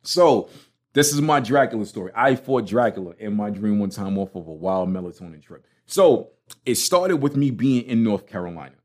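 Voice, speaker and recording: A man's voice: on the low side, lively intonation, normal speed. A man with a Brooklyn accent hosting a casual solo podcast in a slangy, emphatic, conversational way. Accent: Brooklyn, New York. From Brooklyn, New York. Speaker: podcast host.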